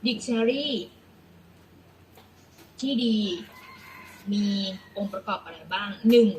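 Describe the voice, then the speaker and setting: A woman's voice: on the high side, slow pace, a little mellow, a little hiss or hum, low-quality recording. A woman teacher explaining an English lesson patiently, often repeating herself and spelling out letters one by one.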